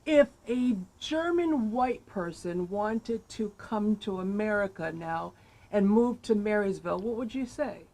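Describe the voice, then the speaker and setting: A woman's voice: medium pitch, lively intonation, a little slow, warm tone. A woman hosting a talk show, pressing her guest with probing questions and frequent restarts. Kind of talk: interviewing a guest.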